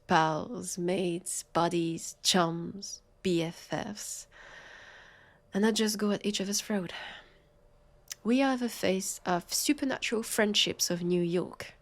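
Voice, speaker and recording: In an intimate scripted audio roleplay addressed to the listener, a woman with a French accent plays a sardonic, weary vampire police officer centuries old. Her medium-pitched delivery is breathy and full of sighs.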